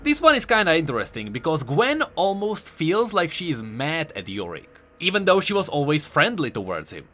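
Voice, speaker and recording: A man's voice: on the high side, huge pitch swings, normal speed, few pauses, a bit bright. A man doing an enthusiastic, conversational voice-over commentary as a video host. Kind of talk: game lore commentary voice-over.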